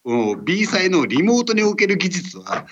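A man hosting a radio show remotely, talking casually and politely with many filler pauses. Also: sits high, sing-song, highs cut off, noisy background. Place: remote recording over an internet call.

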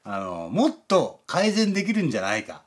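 Husky guy rambling on a radio show, voice jumps up and down a lot, kinda high. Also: wildly swooping pitch, normal speed. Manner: rambling, chatty, many fillers and chuckles. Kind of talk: casual radio chat.

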